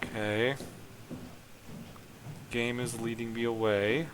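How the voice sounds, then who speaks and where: Man, game streamer, rambling casual chat, jokey, mid pitch, noisy stream audio. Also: a little slow. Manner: rambling, jokey, filler-heavy. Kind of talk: casual gaming commentary.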